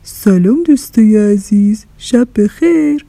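A woman voicing a kind, caring kitchen fridge in a children's story, with a gentle, reassuring manner. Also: medium pitch, lively intonation, creaky, no echo. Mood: friendly. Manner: gentle, reassuring, a little louder. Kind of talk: storybook character voice.

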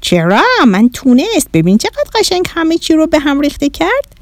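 A woman voicing a high little Martian boy. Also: big pitch swings, dry recording. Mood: playful. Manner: broken ungrammatical speech, childlike wonder. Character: quirky little Martian boy, curious and mischievous.

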